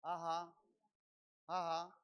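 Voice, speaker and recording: A man with a Chilean accent preaching a sermon as pastor at a church service, firing rhetorical questions at his congregation and swelling loud on key phrases. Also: a little high, completely flat delivery, drawn-out words, clear, resonant tone.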